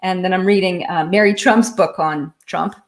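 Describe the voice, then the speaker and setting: In a live online interview, a woman who writes about and consults on leadership lays out her work in well-spoken explanations, with a few soft laughs. She has a lowish voice at normal speed.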